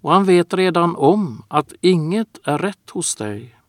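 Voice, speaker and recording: A man preaching a sermon in a slow, earnest manner, drawing out his phrases. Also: on the high side, lively intonation, dry recording, studio quality.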